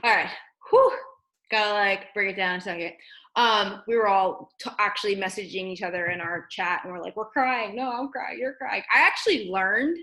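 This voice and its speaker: A woman's voice: mid-range voice, normal speed, bright, forceful tone, low-quality recording. A woman from New Jersey hosting a video call as a fitness team leader, chatty and encouraging in a casual motivational talk.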